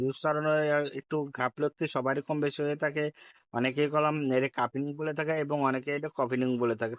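A man with a Bangladeshi Bengali accent talks viewers through an editing app one step at a time. He keeps circling back to repeat each instruction. His voice is smooth and clear, recorded close and dry with no room sound. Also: a little high, fairly bright tone, dry recording. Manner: repetitive step-by-step instruction, addresses viewers politely. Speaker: tech tutorial host. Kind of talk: screen-recorded app tutorial.

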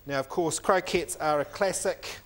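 Here a middle-aged chef instructor speaks at normal speed in a slightly high voice, demonstrating a recipe in a teaching kitchen. He narrates each step steadily as he works, with an occasional "um".

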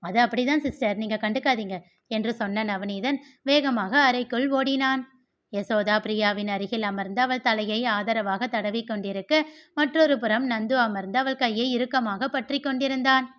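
Woman narrating a novel, fairly high. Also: normal speed. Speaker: story narrator. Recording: dull lo-fi recording.

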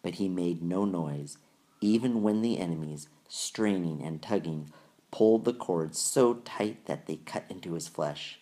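A man reading a children's novel aloud in measured, deliberate storytelling narration. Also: deep voice, dark tone. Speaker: audiobook reader. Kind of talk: scripted narration.

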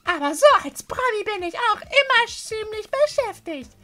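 A woman's voice: extremely high pitch, sing-song, normal speed, fairly bright tone, exaggerated voice. A woman voicing a bubbly, cute young anime streamer and gym leader from a video game, with a showy, hyper manner. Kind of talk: dubbing video game dialogue.

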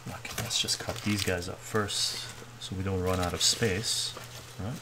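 A man's voice: low-pitched, fairly even intonation, measured pace, noisy background. A middle-aged man hosting a cooking livestream from his home kitchen, chatting casually and ending his sentences with "right?". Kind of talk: casual chat while cooking.

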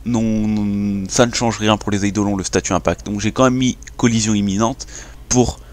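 A man's voice: on the low side, steady tone, normal speed, darkish tone. A young man casually talking through a game tutorial, hesitating and restarting often. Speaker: gaming YouTuber.

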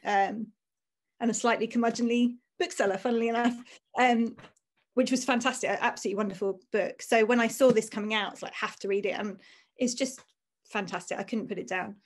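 A woman's voice: fairly high pitch, fairly even intonation, brisk. A woman in her forties, an author, chatting casually and self-deprecatingly on a video call from a room at home.

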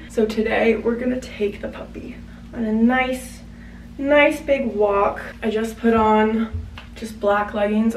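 A chatty young woman from Virginia talks to her vlog camera, wandering from thought to thought with plenty of "like." She sits a few feet back from the mic in a small bedroom, so her voice carries a roomy echo with a faint hum behind it. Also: medium pitch. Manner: chatty, rambling, lots of "like". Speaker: vlogger. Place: small bedroom at home, indoors. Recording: roomy, slightly distant home recording.

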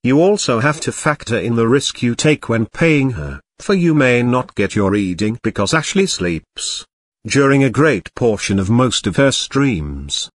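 A man narrating scripted commentary as host in a formal, deadpan way. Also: mid-range voice, measured pace, dry recording.

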